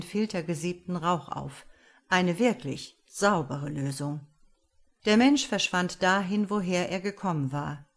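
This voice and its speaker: A woman reads an audiobook aloud with measured, expressive storytelling. Her voice sits on the lower side for a woman and she shapes each sentence with care. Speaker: narrator. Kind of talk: audiobook narration.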